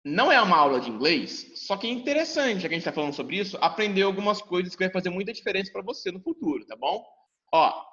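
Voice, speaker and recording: Speaking fast in a high, very animated voice with a sharp edge, a Brazilian man runs a lively lesson, talking to his class and acting out what students might ask. His accent is Brazilian Portuguese. The audio is dull and echoes with a long reverb.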